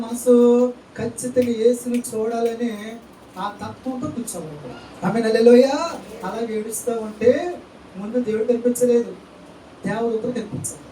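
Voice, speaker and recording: A man's voice: extremely high pitch, mellow, a little hiss or hum. A male pastor preaching a church sermon, peppering it with rhetorical questions and calls of amen and hallelujah. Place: church hall. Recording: echoey church, distant mic, faint ambience.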